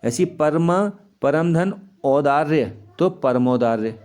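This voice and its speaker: A man's voice: fairly high pitch, darkish tone. Patient man teaching children a lesson. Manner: patient, asks the class questions and answers them; repeats examples slowly, stretching key sounds. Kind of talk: Hindi grammar lesson for children.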